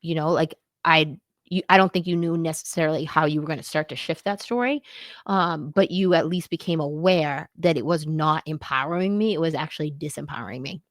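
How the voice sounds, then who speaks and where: A woman co-hosts a candid, casual conversation, her voice sitting notably low for a woman. She speaks earnestly and reflectively, with loose, easygoing phrasing. The sound is close and dry, with no room echo. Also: a little fast. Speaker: podcast co-host. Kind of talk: candid casual chat about marriage.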